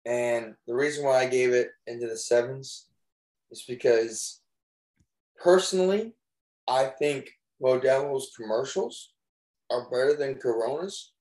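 A man's voice: mid-range voice, a little slow, a little mellow, roomy sound, poor audio. A man in his twenties chatting casually on a podcast in a loose, slangy way, calling people bro. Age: 20s. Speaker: podcast co-host. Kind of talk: casual chat.

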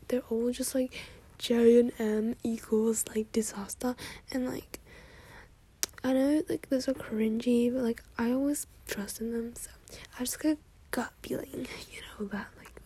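High, breathy whispering young woman. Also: mellow. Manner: whispering, heavy "like" fillers, catty. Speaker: roleplayer addressing the listener. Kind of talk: whispered ASMR roleplay.

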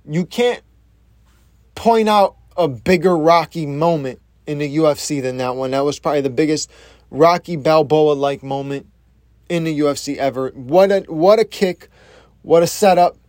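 A man's voice: fairly high pitch, moderate pace, a little mellow, no echo, clean studio sound. A man giving a casual, blunt and profane breakdown of a fight, full of slang and restarts. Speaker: MMA commentator.

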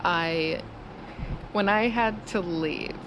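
A woman in her thirties hosting a casual solo podcast, chatty and giggling nervously, recorded in low-quality audio in a small studio on a busy street. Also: drawn-out words. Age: 30s. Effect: low-quality audio with street noise. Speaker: podcast host. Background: traffic and air-conditioner hum.

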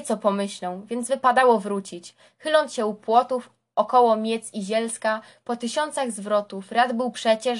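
A woman reading a verse epic aloud as scripted narration, in a measured, rhythmic recitation. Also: fairly high pitch. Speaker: reader.

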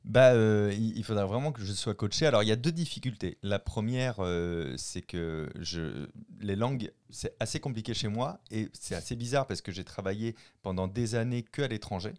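Brief: young man from La Rochelle, lowish voice, lively casual guest, quick restarts and laughs. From France, La Rochelle. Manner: animated, laughs often, many restarts. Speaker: mentalist guest. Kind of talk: casual chat.

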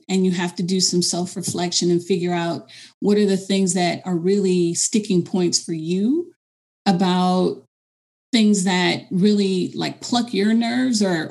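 A woman's voice: on the low side, vocal fry, darkish tone. A woman teacher speaking earnestly and encouragingly in a reflective, conversational way, with fillers and restarts.

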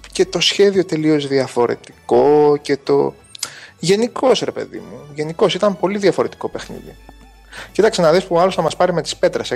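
Male co-host, slightly high, gravelly fry, jokey colloquial delivery. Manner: joking, colloquial, self-deprecating. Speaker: gaming podcast co-host. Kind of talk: casual chat about video games.

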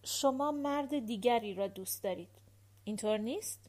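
Woman reading as patient gentle sister, soft coaxing questions, slightly high voice. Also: lightly acted. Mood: gentle probing.

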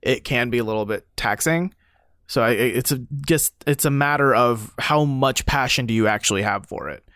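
A mid-pitched man, laid-back and agreeable, who drops wry one-word quips between longer thoughts. His voice sounds dry and close on a podcast mic. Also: normal speed, fairly bright tone, dry recording. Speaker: podcast co-host. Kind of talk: casual podcast chat.

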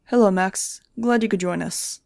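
A woman doing a brisk male biology teacher. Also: medium pitch, gravelly, a little mellow, dry recording, studio quality, natural voice. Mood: dry.

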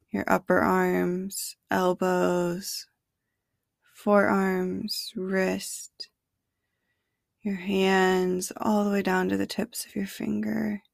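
A woman narrating a guided sleep meditation in a hushed, soothing bedtime manner that at times nears a whisper. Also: mid-range voice, gravelly, no echo, studio quality. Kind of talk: sleep meditation narration, slow body scan.

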